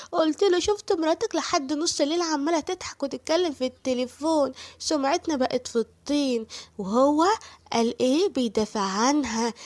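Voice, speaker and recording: A woman's voice: high-pitched, lightly acted. A woman voicing a nagging, scheming older Egyptian mother-in-law who scolds and accuses her son. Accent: Egyptian Arabic.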